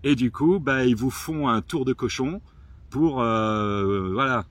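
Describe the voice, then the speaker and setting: A man telling a story to camera in a casual vlog, lively and swearing, acting out the people he quotes. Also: medium pitch, takes it slowly. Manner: animated, swearing, acts out quoted exchanges. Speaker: vlogger.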